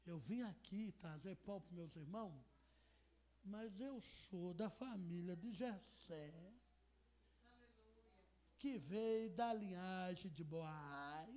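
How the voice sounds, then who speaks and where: A woman preacher with a deep gravelly voice voicing the young shepherd David in a sermon retelling. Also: lively intonation, slow pace, long pauses, darkish tone. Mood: confident. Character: young shepherd David, humble but bold.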